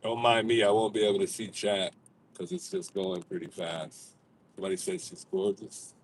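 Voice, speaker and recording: A man's voice: on the low side, big pitch swings, normal speed, gravelly, a little hiss or hum, rough recording. A man chatting casually and playfully on a livestream as host, with slightly slushy speech from missing teeth, talking in a car. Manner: playful, slangy, informal. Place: inside a moving car.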